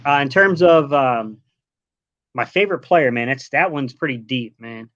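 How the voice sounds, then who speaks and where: A man in his late thirties from Delaware, a guest in a casual sports podcast chat, relaxed and rambling, dropping "man" often. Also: medium pitch, moderate pace, dry recording. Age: 30s. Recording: dull lo-fi online call audio.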